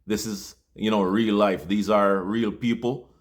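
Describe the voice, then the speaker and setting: A man's voice: fairly low pitch, steady tone, unhurried. A Jamaican man hosting his channel, making a heartfelt appeal to viewers in a loose, filler-laden way. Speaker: channel host.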